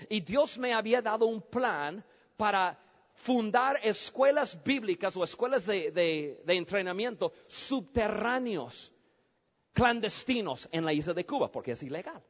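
A Mexican man with a Mexican accent, a missionary preacher telling a story in an animated sermon that breaks into shouts. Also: high voice, moderate pace. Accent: Mexican Spanish. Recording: dull lo-fi recording.

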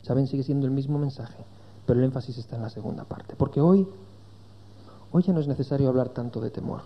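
An earnest man preaches to his congregation, his mid-pitched voice dropping low for scripture and climbing to emphatic peaks. The recording is slightly dull and lo-fi. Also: quick pace. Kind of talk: sermon.

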